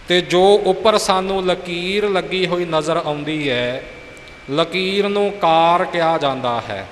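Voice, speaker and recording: A man with a Punjabi accent teaches pronunciation in a very slow, deliberate way, stretching each word out. His slightly high voice rings through a large echoey hall, with a faint hiss underneath. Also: fairly bright tone. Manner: patient, drawn-out demonstrations of each word.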